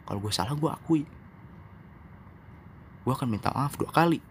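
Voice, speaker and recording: A young man hosting his own podcast, talking candidly and rambling, now calm, now emphatic and self-mocking. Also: medium pitch, normal speed, a little hiss or hum. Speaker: podcast host. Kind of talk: casual solo podcast monologue.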